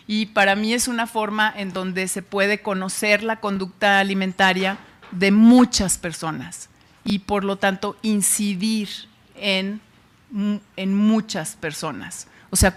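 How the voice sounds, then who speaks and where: A Mexican woman with a Mexican Spanish accent, giving an informal public science talk in a chatty way, often pausing and restarting. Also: medium pitch. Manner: chatty, with frequent fillers and restarts.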